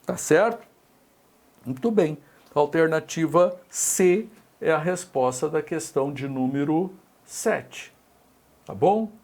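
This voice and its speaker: A man's voice: fairly high pitch, slow pace, long pauses, a little mellow. A middle-aged Brazilian man with a Brazilian Portuguese accent teaching an exam-prep grammar lesson, explaining step by step and checking in with tag questions.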